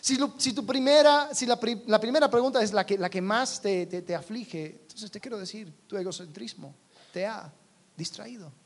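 A man preaching a sermon in a conversational way, asking his listeners many rhetorical questions and dropping to a quiet voice on key points. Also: high-pitched, normal speed.

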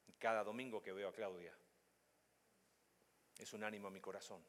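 A man preaching a sermon as pastor, moving between quiet, low reflection and loud, high emphasis, and putting questions straight to his listeners. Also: fairly even intonation, moderate pace. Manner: addresses listeners directly with questions. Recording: long hall reverb.

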